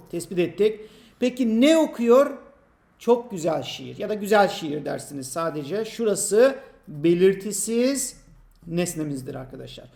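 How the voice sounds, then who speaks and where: High-voiced man teaching, echoey room. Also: mellow. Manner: explains slowly and patiently, asking and answering his own questions; addresses imagined students by name. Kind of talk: exam prep grammar lesson.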